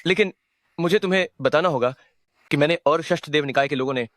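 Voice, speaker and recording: An actor voicing a shifty, scheming ally who lays out a plot in a smooth, conspiratorial way, in a Hindi drama dub. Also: male voice, a little high, a little fast, a bit bright, dry recording, clean studio sound, natural voice.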